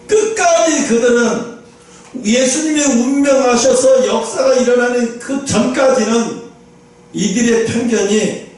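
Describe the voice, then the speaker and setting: A man's voice: very high voice, a little mellow. A man preaching a sermon as pastor, telling the story animatedly and acting out the dialogue. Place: church sanctuary. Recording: echoey church hall from far off.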